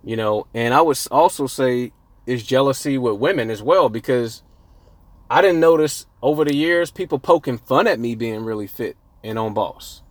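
A man's voice: mid-range voice, moderate pace, dry recording. A young man hosting a casual solo podcast, profane and boastful, rambling and breaking off mid-thought. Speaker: podcast host. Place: outdoors near a street.

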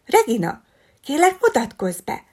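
A woman voicing a kind, warm-hearted owl schoolteacher who speaks in a gentle, coaxing way. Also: sits high, wildly swooping pitch, pitched above the performer's own voice. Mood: kindly.

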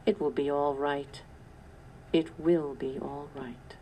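A woman's voice: sits low, moderate pace, a little hiss or hum. A woman reading a storybook voices a weary adult farmer and father who gives curt commands. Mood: soothing. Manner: curt, clipped commands softening to gentle reassurance.

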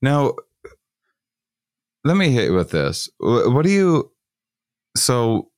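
A man hosting a casual conversation, talking haltingly with many repeated words and fillers. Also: medium pitch, wildly swooping pitch, a little mellow, smooth, no room sound, studio quality.

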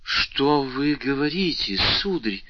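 A man voicing a terrified guilty noblewoman in an audiobook reading, speaking in a frightened, trembling, breathy way. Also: on the low side, expressive, slow, full character voice. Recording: dull lo-fi audio.

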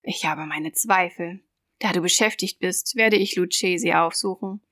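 A woman voicing a drunken, boastful man with a cold who fancies himself a wine expert, speaking loudly and scoffing. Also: fairly low pitch, moderate pace, dry recording, studio quality. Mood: incredulous. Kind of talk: audiobook character voice.

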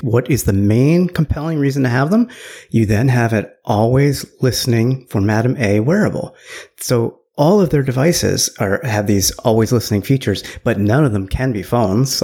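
A man co-hosting a tech podcast, chatty and sarcastic in casual talk, quick to laugh. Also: medium pitch, a little mellow, breathy edge. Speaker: podcast co-host.

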